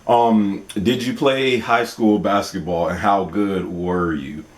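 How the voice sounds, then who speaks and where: A man's voice: lowish voice, fairly even intonation, takes it slowly. A man in his twenties hosting a casual question-and-answer vlog, playful and laughing often. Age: 20s. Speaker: gaming channel host.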